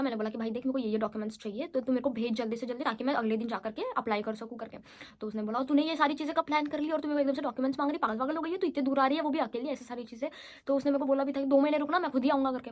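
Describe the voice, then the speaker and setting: A woman in her twenties from India, telling her story in a casual, chatty vlog and mixing Hindi with English. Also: fairly high pitch. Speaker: vlogger.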